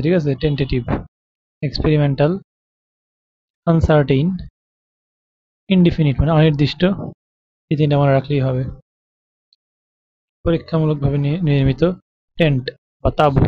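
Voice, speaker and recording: A man's voice: on the high side, lo-fi sound. Man teaching vocabulary with memory tricks. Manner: repetitive memory tricks, rhetorical questions. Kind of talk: vocabulary lesson.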